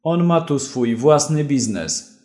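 A man's voice: a little high, animated, slow pace, dark tone, reverberant. A man voicing an armed man who makes cold, mocking threats. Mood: threatening.

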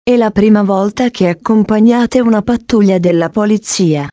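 A woman's voice: mid-range voice, warm tone, no echo, highs cut off, lightly acted. A woman reading the lines of a polite, businesslike male police sergeant in a story for language learners. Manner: slow, careful reading.

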